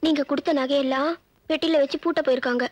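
A woman's voice: high-pitched, steady tone, fast talker, dry recording, muffled recording, lightly acted. A woman playing a coaxing young mistress.

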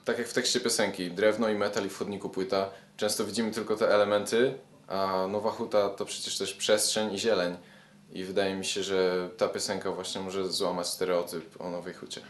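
A man's voice: sits low, level tone, fairly quick. A man giving his personal comment in an interview. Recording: echoey, loud music behind speech. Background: loud guitar music.

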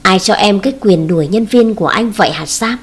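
A cool, dismissive young man, as a woman narrator reads his lines. He speaks coldly and firmly. The voice is husky and stays at a middle pitch. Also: brisk, lightly acted. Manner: cold, dismissive.

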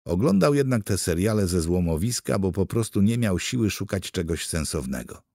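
Guy reading an audiobook, lively pitch, very dry close mic. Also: normal speed, vocal fry, no echo. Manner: expressive, animated storytelling. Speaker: audiobook narrator. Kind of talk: scripted narration.

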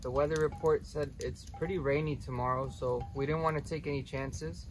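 A young man casually talking to camera at a woodland campsite, relaxed and chatty with frequent ums. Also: a little high, a little fast, a little hiss or hum, low-quality recording. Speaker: vlogger. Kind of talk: casual camping vlog. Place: outdoor campsite in the woods.

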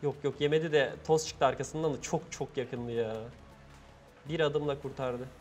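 A man giving chatty, excitable live commentary on his own gameplay, laughing often, on a gaming headset. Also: medium pitch, normal speed, soft background music. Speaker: guest gamer.

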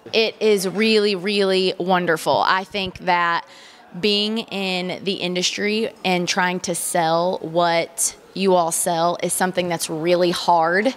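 A woman's voice: fairly low pitch, a bit bright. A woman, a salon owner giving an effusive, emphatic testimonial into a handheld mic at an indoor event. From Kentucky, USA. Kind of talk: enthusiastic client testimonial.

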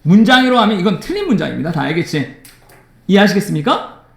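Lively high-voiced male teacher. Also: quick pace, gravelly. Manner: lively, teasing, banters with students. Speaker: English teacher. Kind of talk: classroom grammar lecture. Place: classroom.

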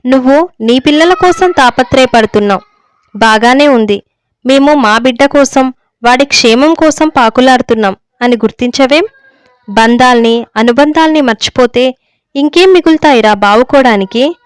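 Stern hurt old village dad scolding his son, a woman reads him in her high smooth voice, dry close sound. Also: moderate pace, dry recording, natural voice. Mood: reproachful. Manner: scolding, pleading rebukes.

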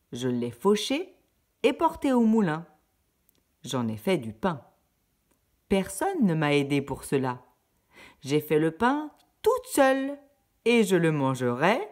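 A woman voicing a hardworking little red hen in a storybook reading, with high, emphatic exclamations. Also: darkish tone. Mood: indignant.

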